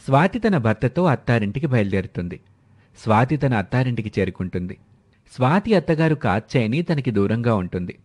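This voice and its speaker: Husky man narrating a story. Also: medium pitch, sing-song, brisk, a little mellow.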